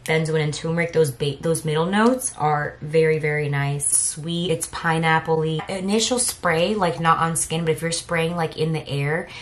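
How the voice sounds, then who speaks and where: Low-voiced chatty woman reviewing fragrances. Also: moderate pace, few pauses. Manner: chatty, rambling, self-correcting. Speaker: fragrance vlogger. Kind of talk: casual product review chat.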